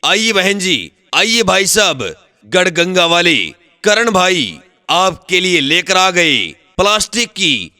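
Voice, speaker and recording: A man's voice: high-pitched, animated, slow, sharp tone, clear, resonant tone, dry recording. A man announcing a street vendor's offer in a sing-song hawker's call, repeating slogans again and again. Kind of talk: recorded loudspeaker sales pitch.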